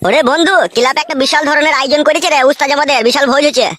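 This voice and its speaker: A woman's voice: high-pitched, fairly even intonation, rapid-fire, a bit bright, dry recording, studio quality. A woman voicing an eager young male village sidekick in a comic skit. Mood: coaxing. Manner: eager, coaxing, rough slang.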